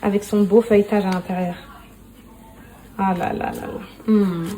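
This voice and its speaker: A woman vlogging casually on her phone at home, chatty and excitable, talking straight to her followers and laughing often. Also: mid-range voice, moderate pace, a little hiss or hum. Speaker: lifestyle vlogger. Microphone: phone held at arm's length.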